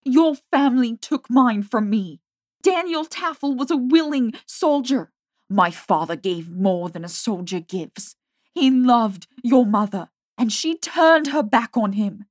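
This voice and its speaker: A cold, smug young woman bent on revenge, voiced by a woman narrator, her words sharp and scornful. She spits resentment in a dry, close audiobook voice. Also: lowish voice, fairly even intonation, measured pace, no echo. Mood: furious. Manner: scornful, cutting.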